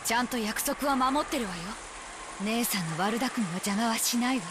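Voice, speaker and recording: A woman's voice: on the high side, racing, a crowd in the background, natural voice. A woman voicing a pleading, guarded mother. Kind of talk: voiced game dialogue. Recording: game audio with music underneath. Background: game background music.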